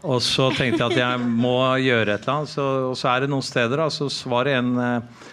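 A man, a drummer, telling funny stories in a casual chat, swearing and laughing as he goes. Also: mid-range voice. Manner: lively anecdotes, swears, laughs while telling. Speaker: drummer and podcast guest. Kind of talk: casual storytelling. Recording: faint ambient noise.

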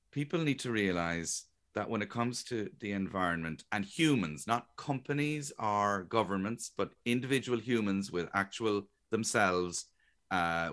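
A middle-aged Irish man, a guest comedian, talking chattily and jokingly in a radio interview. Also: low-pitched. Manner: chatty, animated, jokey storytelling.

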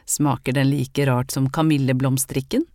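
A woman's voice: very deep voice, fairly even intonation, darkish tone, dry recording. A woman reading a sickly young lady of the house with a cough, wistful and teasing. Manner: wistful, then playful.

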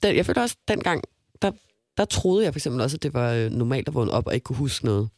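A young man chatting casually on a podcast, telling a story with lively acted-out quotes. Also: mid-range voice, no room sound, clean studio sound. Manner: animated, acts out quoted voices.

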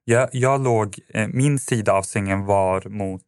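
A man's voice: on the low side, darkish tone, clean tone, no echo, studio quality. A man, a podcast guest, telling a personal story in a casual, rambling way with lots of fillers and restarts.

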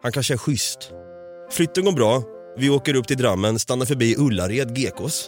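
A Swedish man tells a story on a casual podcast chat, swearing often and laughing through his animated retelling. His voice is mid-range, with faint music behind it.

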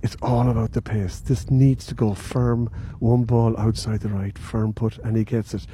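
A man giving live golf commentary in a hushed voice, narrating each movement in short phrases outdoors on a windy course. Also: on the low side, little pitch movement, normal speed. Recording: windy outdoor recording with clear noise.

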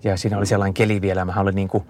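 In a dry recording, a middle-aged man with a low voice talks casually with an interviewer as a guest. An endurance skier, he rambles through lively, lengthy stories packed with fillers and restarts.

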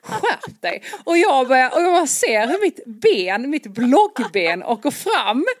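A woman's voice: high voice, no echo, clean studio sound. A young woman in casual chat, telling a long story with energy and acting out the dialogue. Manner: animated, acts out quoted dialogue. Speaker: podcast co-host telling a story.

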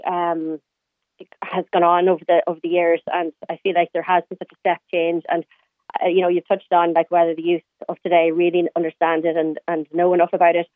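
A woman's voice: on the low side, completely flat delivery, fairly quick, no echo. A woman in her late thirties with a Donegal Irish accent, chatting informally and reminiscing as a caller to a radio show. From County Donegal, Ireland. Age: late 30s. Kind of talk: personal reminiscence in casual conversation. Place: phone call to a radio show. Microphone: telephone. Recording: tinny phone line.

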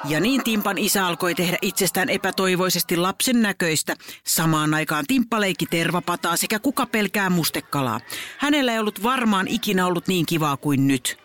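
A woman narrating a children's audio story in a lively, brisk way. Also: lowish voice.

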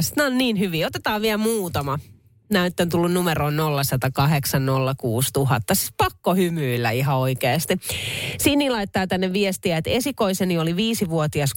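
A woman hosting a radio show, reading out listener messages in a lively chat style and laughing often. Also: fairly low pitch, no echo, studio quality. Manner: animated, laughs often, exclaims "oi oi". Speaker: radio host. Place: radio studio.

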